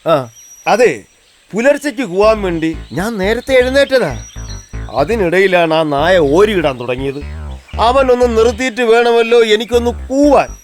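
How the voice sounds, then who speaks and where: A man's voice: sits high, moderate pace, soft background music, natural voice. A man voicing a bossy grown rooster who leads the flock in a kids' cartoon and scolds the others. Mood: scolding.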